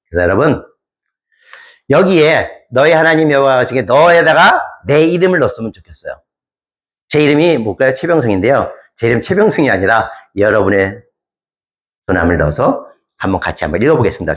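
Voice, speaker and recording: A male pastor with a medium-pitched voice preaches to his congregation, moving between hushed lines and emphatic, almost shouted ones while posing questions to the listeners.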